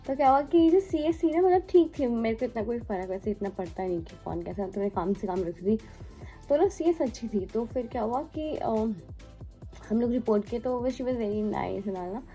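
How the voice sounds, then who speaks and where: A woman's voice: on the high side, animated, moderate pace. A young woman, a cabin crew member, casually telling a story in a chatty way, mixing English words into Hindi with many fillers. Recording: faint background music. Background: soft background music.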